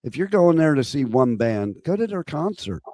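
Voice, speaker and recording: Male radio host, hoarse and worn-out voice, casual interview chat, close dry sound. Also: fairly high pitch, very animated, normal speed, mellow, no room sound. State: hoarse, lost voice.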